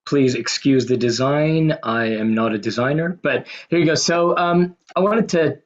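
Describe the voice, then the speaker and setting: Man, American accent, forties, wry self-deprecating presenter, medium pitch, muffled video-call sound. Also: normal speed. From Pakistan. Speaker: guest speaker. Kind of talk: conversational presentation.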